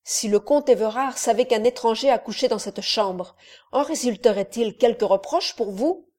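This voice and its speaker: A woman's voice: on the high side, moderate pace, darkish tone, close to an everyday voice. A woman reading as a bold, curious nobleman. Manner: eager, emphatic, courteous. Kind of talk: audiobook character reading.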